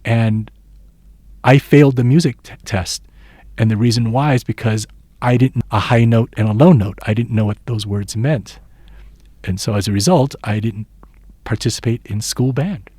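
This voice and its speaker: Telling stories from his years of teaching, a man in his 60s who is originally from the Philippines gives earnest, reflective interview answers as an education professor. He has a dark, mid-range voice at normal speed, recorded with no echo.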